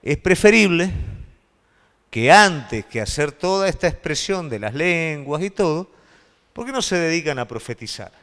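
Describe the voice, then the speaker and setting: A man with a Rioplatense Spanish accent, a pastor preaching a sermon with animated delivery and frequent rhetorical questions. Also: fairly high pitch, moderate pace, big-room sound.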